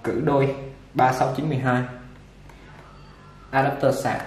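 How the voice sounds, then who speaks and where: A man with a Vietnamese accent reviews products for a barber supply shop, doing a casual unboxing of a hair clipper at an indoor shop table stacked with clipper boxes. He talks in a relaxed way, full of fillers, as he handles it, in a mid-range voice at moderate pace. The room is echoey, with clipper motor buzz and clicks.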